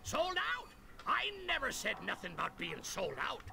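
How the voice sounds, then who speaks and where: An actor voicing a jolly, melodramatic pirate captain in a cartoon adventure game, with a stage pirate accent and a gravelly, grandiose delivery. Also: male voice, very high-pitched, wildly swooping pitch, moderate pace, exaggerated voice. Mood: hearty, defensive. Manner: theatrical, grandiose, swooping exclamations. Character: jolly, melodramatic old pirate captain running a chicken restaurant. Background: music.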